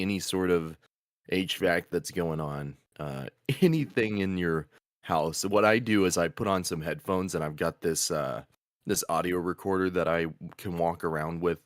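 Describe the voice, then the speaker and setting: A voice actor and show host from Oklahoma, USA, with a very deep voice, talks shop in loose, casual chat, rambling, restarting, and laughing as he goes. Recording in a padded booth leaves his voice dry and close, with no room sound.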